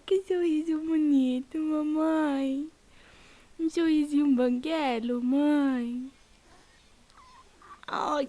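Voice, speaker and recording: High sing-song mother. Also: darkish tone. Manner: coaxing sing-song baby talk. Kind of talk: home video baby talk.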